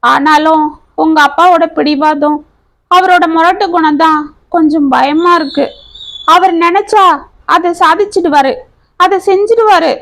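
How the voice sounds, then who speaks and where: A woman voicing a gentle, anxious young woman who speaks softly and pleadingly. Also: extremely high pitch, measured pace, long pauses, voice pushed up, full character voice.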